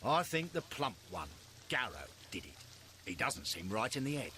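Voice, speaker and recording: Brief: a formal police inspector for a game, bright tone, lively delivery. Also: male voice, on the low side, moderate pace, slight background noise. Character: police inspector reporting a murder to the detective, formal. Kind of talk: game voice acting.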